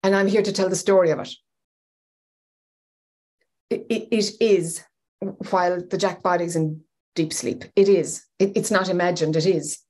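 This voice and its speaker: A woman's voice: fairly low pitch, normal speed, long pauses. A woman in her fifties, a spiritual teacher, speaking thoughtfully from a home room over a video call and searching for her words. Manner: thoughtful, searching for words, animated hand gestures. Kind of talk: reflective spoken teaching. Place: home room with bookshelves, indoors. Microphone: webcam on video call.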